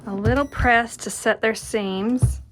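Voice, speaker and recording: A woman's voice: fairly high pitch, steady tone, slow pace, a little hiss or hum. A woman giving a casual hands-on craft tutorial, chatty and murmuring encouragement to herself as she works. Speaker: quilting tutorial host. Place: indoors at a craft worktable.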